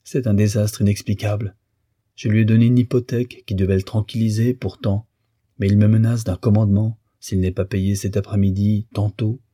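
A man reading aloud gives voice to a ruined middle-aged businessman in an audiobook, urgent and pleading. The voice is low and dark, slightly husky, with a dry close sound. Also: level tone, fairly quick, dry recording, natural voice.

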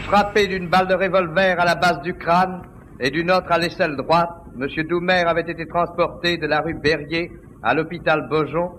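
A man's voice: a little high, fairly even intonation, moderate pace, a bit bright, slight background noise, poor audio. A male announcer reading the news in a formal, declamatory way, heard on an old 1930s newsreel. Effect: old 1930s newsreel recording.

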